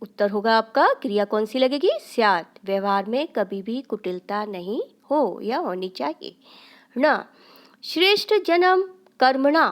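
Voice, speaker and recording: A woman's voice: a little high, lively intonation, unhurried. A woman teacher going through a Sanskrit grammar lesson step by step, asking questions and answering them herself. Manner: explains step by step, asks and answers her own questions.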